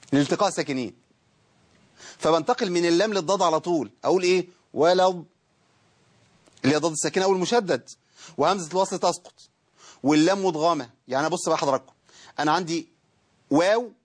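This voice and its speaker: A man with an Egyptian Arabic accent teaching Quran recitation in a TV studio, explaining eagerly and stretching sounds out slowly to demonstrate them. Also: fairly high pitch. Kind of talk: televised teaching lesson. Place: television studio.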